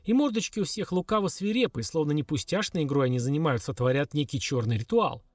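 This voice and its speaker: A man reading a novel aloud in an expressive storytelling manner. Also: a little high, fast talker, no echo, studio quality. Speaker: audiobook reader. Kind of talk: scripted narration.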